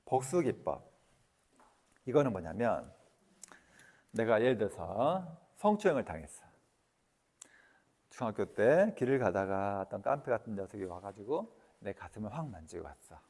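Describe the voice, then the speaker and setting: A man giving a lecture, lively and talkative, who keeps quizzing his audience with questions. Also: fairly low pitch, normal speed, creaky, long pauses, slightly rough, in a large hall.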